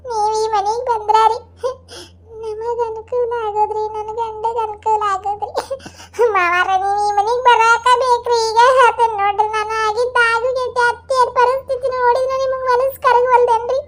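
A woman's voice: very high-pitched, little pitch movement, moderate pace, pitched above the performer's own voice. A woman voicing a tearful young daughter-in-law in a cartoon, begging with a North Karnataka accent. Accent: North Karnataka Kannada.

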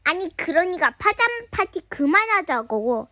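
A child plays out an improvised skit full of bickering. The voice is extremely high and bright, with a whiny edge and slow delivery. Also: very animated, dry recording. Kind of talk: improvised pretend-play skit with several characters.

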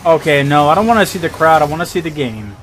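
A young man giving an excited, rowdy live reaction as a streamer, swearing freely in awestruck, drawn-out exclamations, party-animal style. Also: a little high, faint music behind. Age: young adult. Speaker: streamer reacting to a game showcase. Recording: clear game noise behind voice. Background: game sound and showcase audio.

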